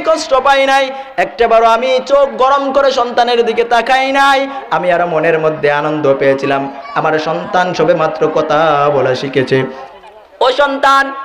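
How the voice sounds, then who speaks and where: High voiced bangladeshi preacher guy, singsong sermon, chants verses. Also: pushed and bright, reverberant. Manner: sing-song preaching, pleading refrains, chants Quranic verse. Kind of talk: chanted Bengali waz sermon.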